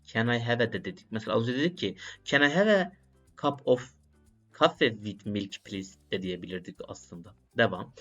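A man's voice: medium pitch, expressive, normal speed, a bit bright. A man studying on camera, thinking aloud and repeating short phrases to himself in a casual vlog. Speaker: language learner vlogger. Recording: dull lo-fi sound with faint music.

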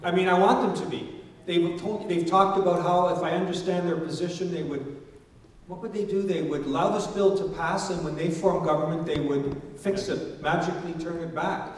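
A man's voice: a little high, steady tone, moderate pace. A middle-aged man speaking earnestly and emphatically at a public forum, often restarting his sentences. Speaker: panelist at a public consultation. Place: large church hall. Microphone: stand mic, filmed by a far camera. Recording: echoey hall, voice picked up from far off, faint noise.

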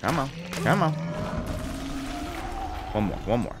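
A man's voice: mid-range voice, big pitch swings, slow pace. A man commentating his game playthrough, swearing freely and ranting in exasperation. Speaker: let's play host. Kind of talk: gaming commentary. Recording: game music behind voice.

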